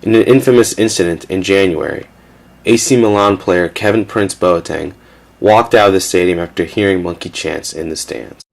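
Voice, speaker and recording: A man giving a measured, factual scripted narration for a documentary. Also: deep voice, vocal fry.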